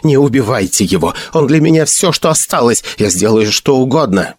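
A man voicing a frightened old hermit who pleads in a hoarse voice. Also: medium pitch, lively intonation, normal speed, dry recording. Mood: pleading. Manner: desperate, begging.

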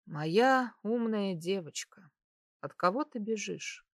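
A woman voicing a young nobleman who speaks softly and persuasively, often in a near whisper, in an audiobook. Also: mid-range voice, lively intonation, slow pace, no room sound, studio quality. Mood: tender. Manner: soft, hushed, whispering.

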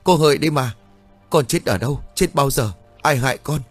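A man's voice: medium pitch, fairly quick, breathy edge, soft background music, voice pushed up, lightly acted. A man voicing a grieving older village woman pleading desperately with the spirit of her dead nephew.

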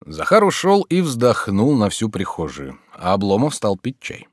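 A man narrating a classic novel as an audiobook in an expressive storytelling manner. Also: on the low side, normal speed, no room sound, studio quality. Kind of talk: scripted narration.

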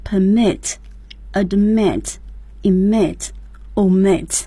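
Woman, radio lesson co-host, mellow breathy voice, introduces each word, repeats the points. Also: medium pitch, steady tone, extremely slow, no room sound. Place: radio studio.

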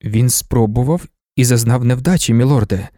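A man's voice: mid-range voice, moderate pace, dark tone, no echo, clean studio sound, voice pushed down, natural voice. A man voicing a loyal, worried male guard commander in an audiobook, asking earnest and respectful questions. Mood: concerned. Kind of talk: audiobook character voice.

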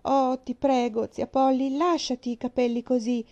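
A woman voicing a cheerful, eager little girl in a storybook reading, talking in an excited, pleading way. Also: high voice, moderate pace, lo-fi sound, pitched above the performer's own voice.

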